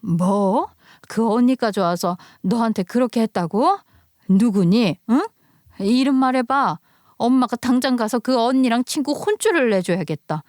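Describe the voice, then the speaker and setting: A woman's voice: fairly high pitch, lively intonation, measured pace, darkish tone, no room sound, clean studio sound, pitched above the performer's own voice. A woman voicing an anxious working mother fussing over her hurt child. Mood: worried.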